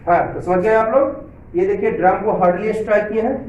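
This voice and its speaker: A male science teacher giving a classroom lecture, often asking students if it is clear, reading English lines slowly and then explaining them. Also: high-pitched, a little mellow. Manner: repetitive, asks check questions often. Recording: roomy, distant, dull lo-fi sound with faint hiss.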